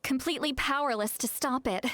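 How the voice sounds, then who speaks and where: An actress playing a composed adult woman leader in a video game, speaking with calm authority. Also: sits high, brisk, no room sound. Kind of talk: game voice acting.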